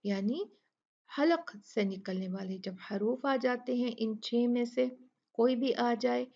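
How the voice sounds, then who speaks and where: A woman teaching a recitation lesson, asking questions and answering them herself, and slowly sounding out example words. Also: on the high side, creaky, a little mellow. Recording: dull lo-fi recording.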